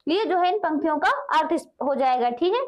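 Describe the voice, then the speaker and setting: A woman teacher explaining Hindi poetry line by line for exam students, often adding "ठीक है", and reading the verses slowly. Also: high-pitched, animated, a little mellow. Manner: repeats "ठीक है" and "क्या है" as fillers, reads verses slowly.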